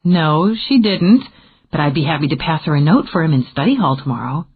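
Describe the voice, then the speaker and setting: A female narrator voicing a lively, impatient woman who talks quickly and gets exasperated. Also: sits low, breathy edge, exaggerated voice. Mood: wry. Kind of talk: audiobook character reading. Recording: tinny phone-like audio.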